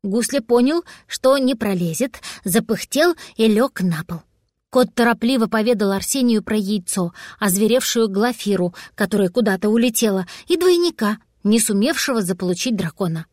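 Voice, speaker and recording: A woman narrating a children's story in a lively, expressive reading. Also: mid-range voice, normal speed, dry recording, clean studio sound. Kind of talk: audiobook narration.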